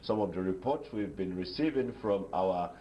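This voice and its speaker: A man with a Nigerian accent anchoring live election coverage off the cuff, speaking haltingly with many filled pauses. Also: low-pitched, expressive, warm tone, a little hiss or hum. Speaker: news anchor.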